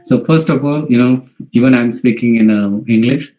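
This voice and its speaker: A man from India, a native Marathi speaker with a Marathi accent, gives an informal online presentation in a halting way, often repeating and rephrasing. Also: mid-range voice, music in the background, rough recording. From Maharashtra, India. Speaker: workshop presenter. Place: video call.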